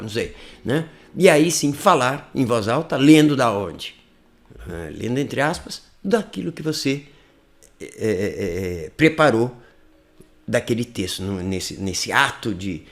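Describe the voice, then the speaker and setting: A man, tutoring an English course in a live online lesson, talking conversationally with frequent "né?" tags. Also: vocal fry. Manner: lively, conversational, frequent "né?" tags, animated swings in pitch.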